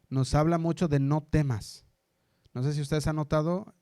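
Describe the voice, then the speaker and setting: A male pastor delivering a sermon. He often checks in with the congregation and slows down to stress quoted scripture. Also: medium pitch, warm tone, no room sound, clean studio sound. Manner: preaching, often asking the congregation "¿verdad?".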